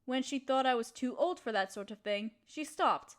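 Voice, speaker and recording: Here the same kind, proper young mistress sounds shy and confiding as the woman performs this intimate audio roleplay. Pitched high and animated at a moderate pace, she speaks to her listener in formal, tentatively hesitant phrases.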